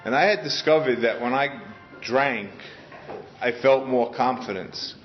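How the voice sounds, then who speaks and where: A man's voice: mid-range voice, measured pace, faint music behind. A middle-aged man from Queens gives an earnest, heartfelt personal testimony to a group at a meeting, often restarting his sentences. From Queens, New York. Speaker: speaker sharing his story at a recovery meeting. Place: meeting room in front of a group. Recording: dull lo-fi sound.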